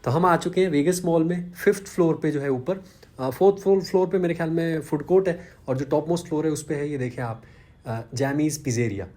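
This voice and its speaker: Man, mellow warm tone, casual self-deprecating vlog talk, camera mic. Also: on the high side, a little fast. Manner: chatty, self-deprecating, conversational. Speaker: vlogger.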